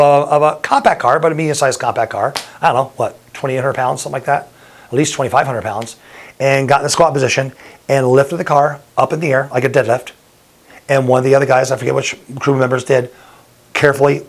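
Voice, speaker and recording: A middle-aged man, a bodybuilding promoter and firefighter, telling a personal story to the camera in an earnest, openly emotional way. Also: medium pitch.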